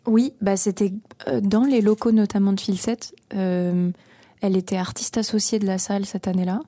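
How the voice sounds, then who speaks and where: Answering a radio interviewer's questions, a young singer-songwriter from the Paris area speaks hesitantly with many fillers and restarts. She has a steady, dark mid-range voice at normal speed, and there's no room sound.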